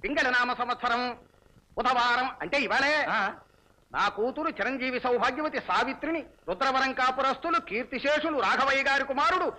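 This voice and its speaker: A fussy indignant villager. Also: male voice, extremely high pitch, brisk, sharp tone, exaggerated voice, low-quality recording. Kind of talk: 1980s film dialogue.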